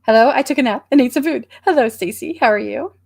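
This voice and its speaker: A woman's voice: sits high, quick pace, darkish tone. A woman hosting a focus livestream, reading viewers' comments aloud and chatting casually with plenty of ums and restarts. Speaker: livestream host reading chat. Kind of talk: casual chat.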